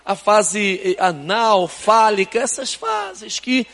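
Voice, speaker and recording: A man's voice: sits high, sing-song, slow pace, creaky, fairly bright tone, in a large hall. An older man with a Brazilian accent, preaching a sermon in a conversational style, with rhetorical questions and casual asides. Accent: Brazilian Portuguese. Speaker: pastor. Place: church sanctuary.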